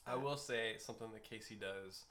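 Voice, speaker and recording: A man's voice: lowish voice, brisk, pushed and bright. A man co-hosting a youth livestream from home, chatting casually with dry, teasing banter. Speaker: youth ministry co-host.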